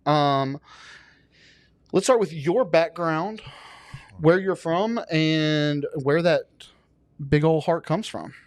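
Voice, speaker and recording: A man's voice: on the high side, slow pace, pauses often, dry recording. A man hosting a podcast, introducing and welcoming his guest in a friendly way. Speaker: podcast host. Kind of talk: casual interview talk.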